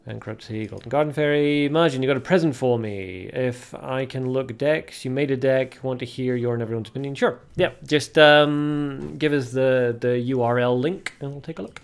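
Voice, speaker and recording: A man's voice: medium pitch, moderate pace, gravelly, hardly any pauses, smooth. A young man hosting a casual card-game livestream, chatting with viewers and reading card names aloud as he opens packs. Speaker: livestream host.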